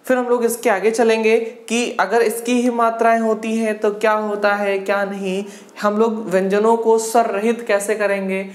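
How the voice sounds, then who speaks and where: A woman's voice: mid-range voice, little pitch movement, normal speed. A woman teaching an exam-prep language lesson, drilling the class with questions she answers herself. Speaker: Hindi teacher. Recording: echoey room.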